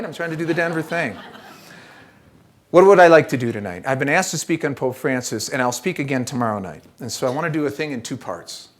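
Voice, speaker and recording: Middle-aged male keynote speaker, easygoing and wry, storyteller who leans on "uh" and "so" between thoughts, mid-range voice. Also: medium pitch. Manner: relaxed, joking, storytelling with frequent fillers. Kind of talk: conversational keynote talk with storytelling. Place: church event space.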